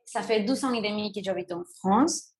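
A young woman from Venezuela, answering interview questions in a halting way, often restarting her sentences. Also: mid-range voice, a little mellow. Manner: halting, frequent restarts and fillers. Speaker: guest, breakdancer. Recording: roomy echo.

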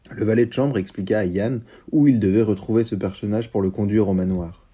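Calm man with a dark, husky voice. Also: on the low side. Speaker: book reviewer and reader. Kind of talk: literary review with read-aloud excerpt.

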